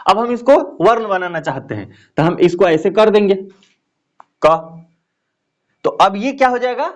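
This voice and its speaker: A man teaching grammar in a classroom lecture, who explains slowly, repeats key phrases and keeps asking his students questions. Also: sits high, lively intonation.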